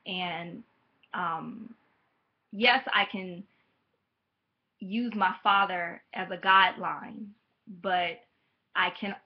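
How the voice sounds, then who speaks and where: A woman's voice: on the low side, steady tone, very slow, pauses often. Candid rambling woman vlogger, slightly dull sound. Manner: candid, rambling, drifts into tangents; soft-spoken and hesitant with frequent ums. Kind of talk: personal vlog talk to camera.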